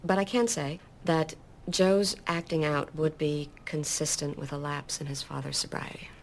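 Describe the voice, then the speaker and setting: An actress playing a self-assured woman child therapist who talks down in a measured, patronizing way. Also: low-pitched, steady tone, slight background noise. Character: condescending woman psychologist, smooth and self-assured.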